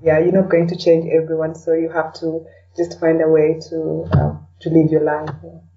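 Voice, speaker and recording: In a low, mellow, monotone voice at normal speed, a Kenyan woman with a Kenyan accent chats as an interview guest, frequently tossing in "you know." The conversational recording is distant and a touch dull.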